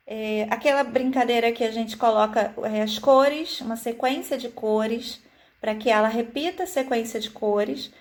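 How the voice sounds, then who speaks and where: A woman educator talks viewers through phonics activities. Her voice sits a little high, and she pauses often on "é" and "né". She slows right down and stretches example words so that every syllable is heard. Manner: frequent "é" and "né" fillers. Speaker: early-childhood educator. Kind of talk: teaching video, explaining activities.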